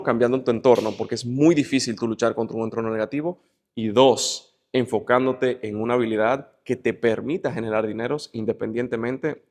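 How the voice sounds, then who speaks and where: A man from the Dominican Republic, speaking with a Dominican Spanish accent, appears as an interview guest. His medium-pitched, slightly dark voice is emphatic and motivational, often building his points through lists and rhetorical questions.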